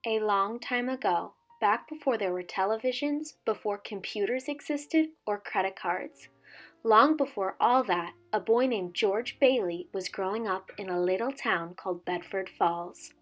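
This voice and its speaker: In her twenties, a teacher chats casually by way of introduction and then reads a storybook aloud for children. Her mid-range voice moves a little slowly over soft background music.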